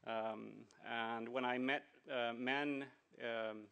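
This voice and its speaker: Middle-aged guy at a conference, gravelly voice, lots of ums and restarts. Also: medium pitch, steady tone, pushed and bright. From Sweden and Venezuela. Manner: earnest, halting with many fillers and restarts. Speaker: conference speaker. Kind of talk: conference talk.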